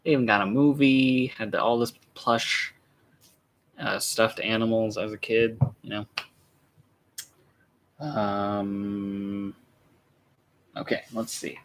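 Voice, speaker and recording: A man's voice: fairly low pitch, fairly even intonation, slow pace, long pauses, a bit bright, a little hiss or hum. A young man chatting casually while unboxing at home, laid-back and rambling with lots of fillers, keeping his voice down. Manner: keeps his voice down. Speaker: vlogger. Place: room at home with shelves.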